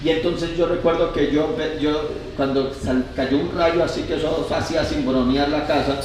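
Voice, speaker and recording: A man's voice: fairly high pitch, fairly even intonation, moderate pace, darkish tone, slight background noise. A man, a pastor preaching a sermon and asking his congregation questions as his voice rises for emphasis. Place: church hall. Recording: echoey hall, voice from far off.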